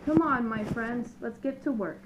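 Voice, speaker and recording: A woman's voice: fairly high pitch, normal speed, background noise, natural voice. A woman voicing a tiny, cheerful, helpful ant in a storybook with a wee, small, eager voice.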